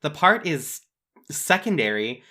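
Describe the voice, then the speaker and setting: An actress playing a cool, suspicious superhero who is dry and passive-aggressive. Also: female voice, low-pitched, big pitch swings, unhurried, sharp tone, full character voice. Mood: sarcastic. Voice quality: dry, sarcastic. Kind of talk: audio drama acting.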